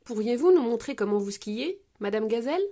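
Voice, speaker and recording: A woman voicing an excitable little girl piglet in a storybook reading, bubbly and squealing. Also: a little high, a little fast. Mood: pleading.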